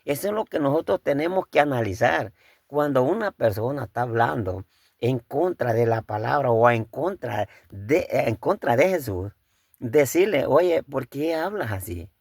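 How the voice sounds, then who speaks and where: A man preaches with a gravelly, creaky voice, talking to his listeners as brothers and posing one rhetorical question after another. He often halts and repeats words as he thinks aloud. The sound is dry and close, with no room echo. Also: mid-range voice, lively intonation, moderate pace, a little mellow. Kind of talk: sermon.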